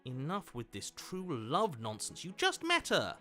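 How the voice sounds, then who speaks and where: Dramatic male inner-voice narrator for a video game, emphatic, very animated, music underneath. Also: fairly high pitch, unhurried, exaggerated voice. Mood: exasperated. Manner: theatrical, emphatic.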